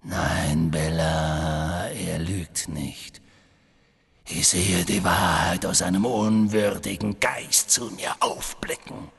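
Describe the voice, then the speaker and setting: A man voicing a cold, quietly menacing dark wizard in an audiobook reading. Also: low voice, steady tone, takes it slowly, creaky, husky, voice pushed down, full character voice.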